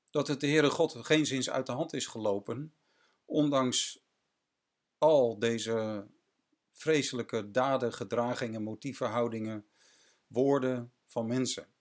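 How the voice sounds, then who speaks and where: A man teaching a Bible study in an earnest way, slowing down to weigh his key words. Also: medium pitch.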